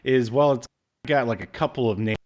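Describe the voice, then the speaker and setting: This podcast co-host, a man in his thirties with a slight cold, reviews pop culture in a loose, joking way. His mid-range voice is a little mellow and fairly quick. He's on a video call in a home room with shelves.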